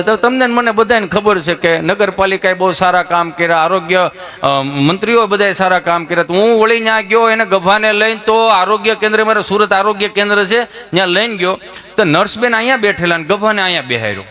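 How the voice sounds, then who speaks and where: Bright, high-voiced man telling jokes. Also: brisk. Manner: acts out both sides of his jokes, switching voices. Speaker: stand-up comedian. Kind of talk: Gujarati folk comedy storytelling.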